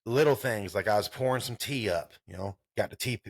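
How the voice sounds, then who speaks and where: A fairly low-voiced man in his thirties talks casually about sports and getting older. His delivery is loose and rambling, full of profanity. The mic is close and dry, with no room sound. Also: a little fast, no echo. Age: 30s. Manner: rambling, profane, laid-back. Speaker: podcast host.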